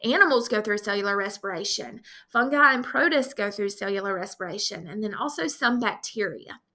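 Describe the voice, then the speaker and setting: A woman's voice: mid-range voice, expressive, fairly quick, bright, forceful tone. A woman teaching science, explaining a review lesson to her students in an upbeat, direct way.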